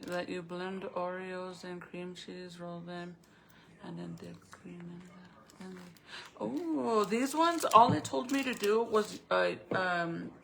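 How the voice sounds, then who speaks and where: Her voice sits on the low side, slow and a bit bright, with vocal fry. A woman who vlogs crafts and baking chats casually to viewers, rambling as she thinks aloud, her speech slightly impeded by a retainer.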